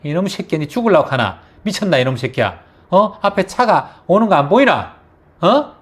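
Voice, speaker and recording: Brief: enraged father scolding his kid, shrill shouting, put on by a male speaker. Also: sing-song, normal speed, slightly rough, exaggerated voice. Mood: furious. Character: furious father yelling at his son.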